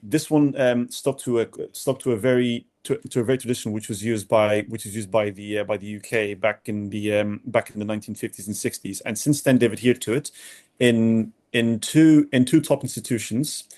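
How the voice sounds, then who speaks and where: Halting young man, doctor guest. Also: lowish voice, fairly even intonation, a little mellow. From Sudan. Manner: halting, many restarts and repeated words. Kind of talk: podcast interview answers.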